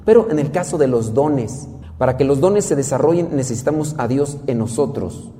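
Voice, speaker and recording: Mexican priest giving a homily, mellow easygoing voice, folksy, big reverb. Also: male voice, medium pitch, lively intonation, moderate pace, slight background noise. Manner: folksy preaching with jokes and rhetorical questions. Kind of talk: sermon.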